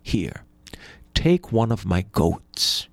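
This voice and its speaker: A man voicing the sun as a kindly, generous figure in a fairy tale, speaking gently and calmly. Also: low voice, drawn-out words, vocal fry, dry recording, heavily acted. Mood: gentle.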